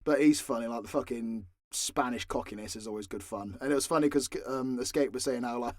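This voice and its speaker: A voice actor and audio creator takes fan questions in a loose, unscripted Q&A, speaking candidly and swearing freely. His voice sits in the mid-range and moves fairly quickly. The recording is clean studio sound with no room echo.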